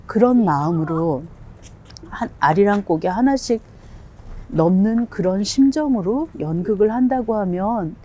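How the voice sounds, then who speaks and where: Reflective older Korean woman, dark voice. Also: medium pitch, expressive. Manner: reflective, measured, with pauses. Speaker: playwright and theater company head. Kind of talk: documentary interview.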